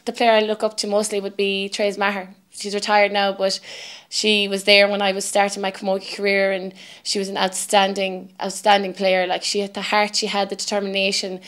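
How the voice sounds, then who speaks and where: A woman in her twenties speaks with a west of Ireland accent. Her voice is clear and smooth at a middling pitch, with little rise and fall. She talks reflectively, as an athlete answering interview questions. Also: completely flat delivery, brisk, fairly bright tone. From Galway, west of Ireland. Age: 20s. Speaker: camogie player being interviewed. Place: indoor interview set with sponsor backdrop.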